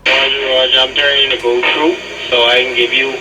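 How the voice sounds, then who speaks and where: A man's voice: mid-range voice, little pitch movement, brisk. A man, the captain of another ship, heard over marine VHF radio, giving brief, clipped radio replies. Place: on another vessel, heard through a boat radio. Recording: distant radio speaker with music behind.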